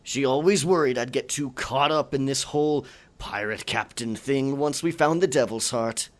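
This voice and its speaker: A man voices a sentimental, theatrical pirate captain for a scripted audio roleplay, speaking archaic pirate talk in a gravelly, mid-range voice. He stammers and halts dramatically, sounding tender and regretful.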